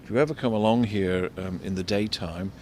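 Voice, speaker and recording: Older man, fairly low pitch, halting explanatory street commentary, slight background noise. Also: a little mellow. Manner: discursive, explanatory, halting with repeats. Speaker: architect and local history guide. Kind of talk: unscripted on-site commentary. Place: outdoors in a shopping street. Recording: vehicle rumble, street noise. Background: faint street traffic rumble.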